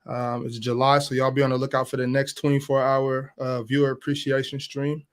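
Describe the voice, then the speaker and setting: Halting male podcast host. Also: medium pitch, completely flat delivery, clear, resonant tone. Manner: hesitant, lots of ums and restarts. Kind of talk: casual interview hosting.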